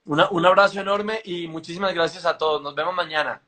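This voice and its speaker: Male host, somewhat high-pitched, informal and halting, chatting with a guest. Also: pushed and bright. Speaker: interviewer and host. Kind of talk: casual live chat interview.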